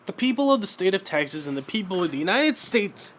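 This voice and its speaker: A man's voice: high voice, big pitch swings, fast, heavy background noise. A man giving mocking reaction commentary, sarcastic and profane, lecturing the person in a clip.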